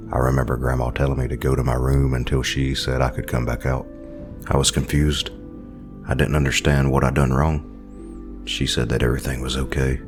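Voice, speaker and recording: A man with an extremely deep, flat voice reads a horror story in a slow, brooding way. Faint music plays under the narration.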